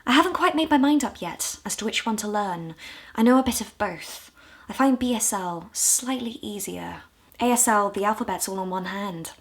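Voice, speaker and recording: A woman from the UK in her twenties, talking candidly and with self-deprecating humor in a casual vlog, her voice a little hoarse. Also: mid-range voice. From United Kingdom. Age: 20s. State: hoarse, low on voice. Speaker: vlogger.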